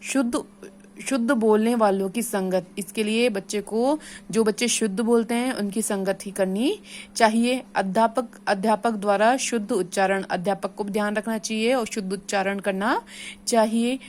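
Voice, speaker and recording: A woman's voice: mid-range voice, moderate pace, darkish tone, slight background noise. A woman from India, an assistant professor giving a classroom lecture to teacher trainees, stating each point and then repeating it in simpler words. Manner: explains each point, then repeats and restates it in plain terms.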